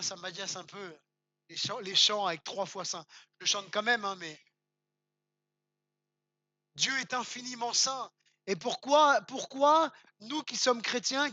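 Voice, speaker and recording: French male pastor, bright tense voice, emphatic sermon with casual asides. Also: high voice, dry recording. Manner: emphatic, repeats words for stress, rises to near-shouts; conversational asides, addresses the congregation directly.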